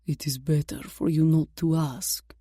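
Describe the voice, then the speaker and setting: A woman's voice: lowish voice, lively intonation, very slow, mellow, no room sound, studio quality. A woman voicing a guarded, terse male ballet dancer with a Russian accent in an audiobook. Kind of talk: audiobook character voice.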